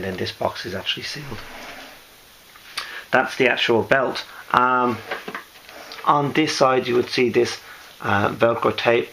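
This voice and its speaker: Hoarse, low-voiced man explaining his handiwork. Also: pushed and bright, a little hiss or hum, poor audio. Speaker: costume maker presenting a build. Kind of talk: casual explanatory show-and-tell.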